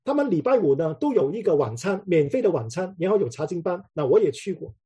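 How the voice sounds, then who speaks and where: Very husky, lively-pitched male preacher. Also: fast. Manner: repeats words and restarts while telling stories. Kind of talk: conversational sermon with anecdotes.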